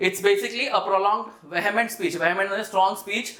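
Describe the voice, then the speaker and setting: A man's voice: high voice, fairly even intonation, normal speed, fairly bright tone. A man with a Malayali Indian accent teaching vocabulary in a didactic way, explaining step by step and checking understanding with questions. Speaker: vocabulary teacher for exam students. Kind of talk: explanatory lesson, mixing English terms into speech. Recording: echoey room.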